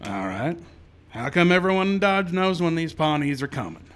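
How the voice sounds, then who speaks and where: A man's voice: on the high side, very animated, moderate pace, fairly bright tone. A man playing a stern, weary frontier marshal in a radio western, commanding and clipped. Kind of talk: 1950s-style radio western acting and narration.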